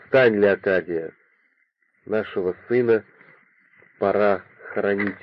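A man's voice: fairly low pitch, takes it slowly, slight background noise. A man reading an audiobook voices an older, dignified father holding back his grief in a solemn, restrained way, on a dry, phone-like recording. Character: stoic grieving old nobleman, dignified father. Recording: dry, phone-like narrow sound.

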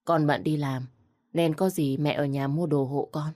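A woman voicing a weary young pregnant widow, quiet and restrained, in a storybook. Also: deep voice, steady tone, measured pace. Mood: pleading.

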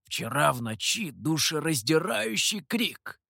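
A cocky monkey demon, boastful and teasing, his voice leaping all over the place as a male narrator puts him on. It sits a touch high and is heard close and dry, with no room around it. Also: big pitch swings, slow, vocal fry, sharp tone, slightly rough, no room sound, heavily acted. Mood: conspiratorial.

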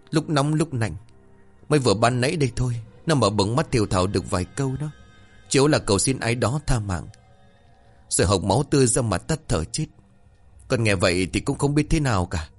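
An anxious young servant, as a male narrator puts him on hurriedly reports grim news to his master. He speaks deferentially in a raised, lively voice, with faint music below. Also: medium pitch, breathy edge.

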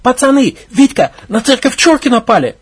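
A man's voice: very high-pitched, big pitch swings, normal speed, husky, pitched above the performer's own voice, full character voice. A man doing a desperate young village girl. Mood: pleading, urgent. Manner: breathless, pleading, near tears.

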